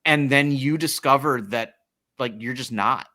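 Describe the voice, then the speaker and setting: A man holds forth in a relaxed movie-review chat, his voice at an ordinary middle pitch. He wanders through his points, padding them with "like" and "um" as he goes. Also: a little slow, a loud crowd. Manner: rambling, many likes and ums. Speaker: podcast co-host. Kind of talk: casual film discussion.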